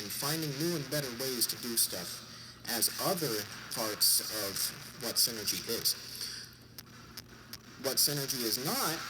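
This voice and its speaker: A man with a congested, stuffy nose gives an informal, jokey explainer in an irreverent way. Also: mid-range voice. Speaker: vlogger summarizing a book. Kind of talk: informal explainer talk to an audience. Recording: clearly noisy background.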